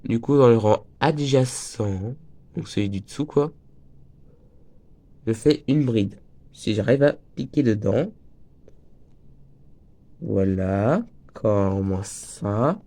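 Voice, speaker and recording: Slow and warm, with fairly low pitch and long pauses, a teenage boy hosts a crochet tutorial. He has a slight cold and a breaking voice, chatting casually and wandering off into jokes.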